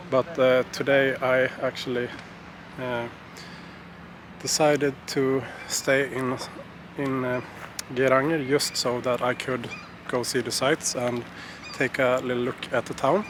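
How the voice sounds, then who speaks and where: Slow, halting man vlogging outdoors. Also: mid-range voice, noisy background. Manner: hesitant, halting delivery. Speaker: travel vlogger. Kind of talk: casual vlog update.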